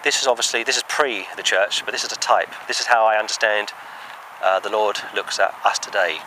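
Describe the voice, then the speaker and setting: A man with a fairly low voice delivers an earnest, emphatic sermon and reads scripture aloud. He is outdoors. Clear traffic and street noise run under the recording. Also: fairly even intonation, fairly quick. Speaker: preacher. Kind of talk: sermon with Bible reading.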